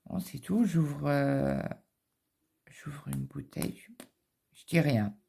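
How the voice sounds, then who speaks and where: A woman's voice: low-pitched, lively intonation, takes it slowly, vocal fry, dark tone, slightly rough. A middle-aged woman, chatting casually and rambling through a story while she stitches in her home office. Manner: rambling anecdotal storytelling with many fillers. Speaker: cross-stitch vlogger.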